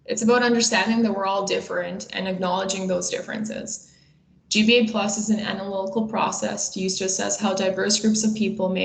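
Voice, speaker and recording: In a prepared webinar presentation, a woman in her twenties from Bosnia and Herzegovina explains each point in a measured way. Her voice is mid-pitched with a noticeable creak, and the roomy sound leaves audible echo around her words.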